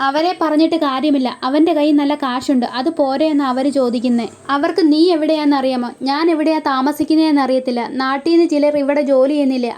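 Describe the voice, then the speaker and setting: High-voiced woman retelling a serial. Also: a little mellow. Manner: voices every character's lines in turn, with "he says" asides. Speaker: serial episode recapper.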